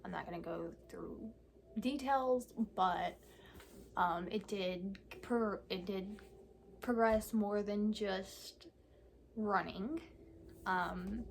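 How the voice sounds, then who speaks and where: An eighteen-year-old woman talking candidly in a casual vlog, halting often with fillers and pauses. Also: mid-range voice, gravelly, a little hiss or hum. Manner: candid and soft-spoken. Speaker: vlogger. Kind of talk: casual personal vlog talk.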